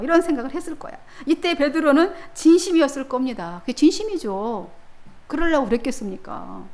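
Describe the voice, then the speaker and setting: A woman's voice: high voice, a little mellow. A woman pastor preaching a sermon in a church, telling the story vividly with casual asides to the congregation.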